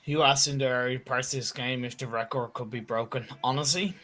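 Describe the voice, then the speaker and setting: Bright-voiced man giving color commentary. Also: mid-range voice, brisk. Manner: chatty, animated analysis with jokes. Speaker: esports co-commentator.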